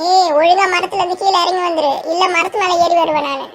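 A storyteller voicing cartoon village friends in a very high sped-up voice, trading lively banter. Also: quick pace, slight background noise.

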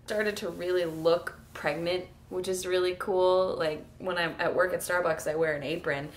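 A woman vlogging casually with a hoarse, fading voice, chatty and self-mocking and laughing often. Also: lowish voice, steady tone, normal speed. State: hoarse, losing her voice. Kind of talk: casual pregnancy vlog.

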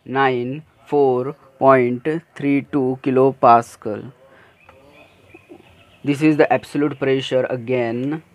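A man's voice: medium pitch, darkish tone. A man explaining an engineering problem over handwritten notes, hesitant, with fillers and self-corrections. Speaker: engineering tutor. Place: at a desk, filming a notebook.

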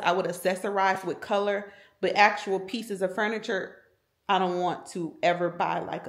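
Chatty woman in a roomy space. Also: medium pitch. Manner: chatty, animated, says "y'all" a lot. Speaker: vlogger, mother. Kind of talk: casual vlog chat. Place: home and car.

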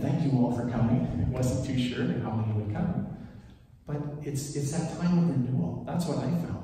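Speaking at a medium pitch, a Swiss man in his forties whose native tongue is French gives an easygoing sermon as worship leader, mixing stories with chatty remarks. He holds a mic in a large wood-panelled sanctuary. Captured from a distance, the sound echoes through the hall with slight background noise.

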